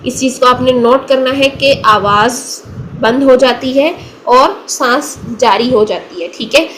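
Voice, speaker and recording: A woman with a Pakistani Urdu accent gives a careful recitation lesson in a fairly high voice. She sounds out single syllables slowly and repeats them patiently. A faint hiss sits under her voice. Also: fairly bright tone, poor audio. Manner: patient, slow demonstrating of letter sounds. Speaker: Quran recitation teacher. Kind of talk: tajweed lesson.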